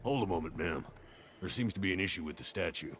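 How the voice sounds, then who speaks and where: A man's voice: low-pitched, lively intonation, fast, music in the background. An actor playing a deferential male security guard in a video game, polite and formal.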